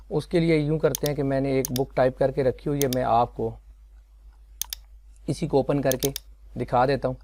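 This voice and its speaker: A man explaining a computer tutorial step by step, unhurried and with many fillers. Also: mid-range voice, mellow, no echo. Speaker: software tutorial teacher. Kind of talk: screen-recorded tutorial.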